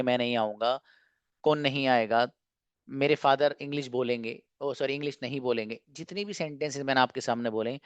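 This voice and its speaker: A man's voice: medium pitch, smooth, no room sound. A man teaching an online English class, drilling example sentences and asking and answering his own questions.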